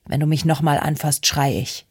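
A reader voicing a frightened, drunk seventeen-year-old girl in an audiobook, speaking quietly. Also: medium pitch, fairly even intonation, moderate pace, breathy edge, no room sound, clean studio sound. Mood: upset.

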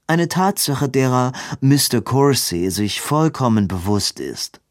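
A man's voice: medium pitch, big pitch swings, slow pace, no room sound, clean studio sound. A man doing a haughty, dismissive lord. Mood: haughty disdain. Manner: disdainful, clipped, affected.

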